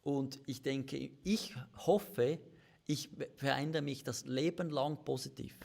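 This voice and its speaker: A man's voice: mid-range voice, fairly even intonation, slow, vocal fry, darkish tone. A man with a Swiss German accent, a pastor co-hosting a live-streamed marriage chat, talking in an earnest, confessional way. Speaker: pastor and co-host of a marriage talk. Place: church office.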